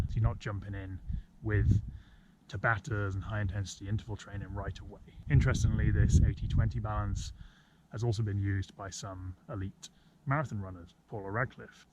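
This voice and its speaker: Low-voiced man explaining things, dull outdoor sound. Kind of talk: informal explainer talk to camera. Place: outdoors on an open hillside. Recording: dull outdoor audio with noticeable ambient noise.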